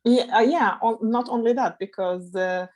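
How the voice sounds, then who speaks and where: A woman's voice: fairly high pitch, normal speed, a little mellow. A woman from Iraq speaking earnestly and emphatically as a panelist on a webinar over a video call. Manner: earnest, emphatic, thinking aloud. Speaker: panelist, member of parliament.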